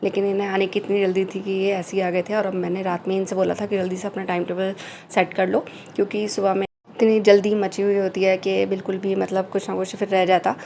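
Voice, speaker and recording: A woman in her thirties narrating a family vlog in a chatty, easygoing way, with frequent fillers and pauses. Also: mid-range voice, little pitch movement, creaky, warm tone, slight background noise. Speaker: family vlogger. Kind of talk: casual voice-over narration.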